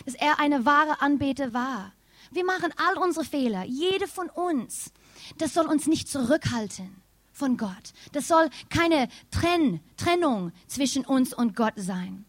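Animated woman preaching, German. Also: high voice, no room sound. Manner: animated storytelling, addresses congregation directly. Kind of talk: sermon with personal story.

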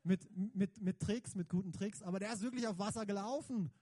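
A man giving a lively, conversational sermon, emphatic and slangy, often turning to the audience with questions. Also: high-pitched, brisk, no echo. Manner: emphatic, slangy, keeps asking the audience "right?". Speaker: preacher.

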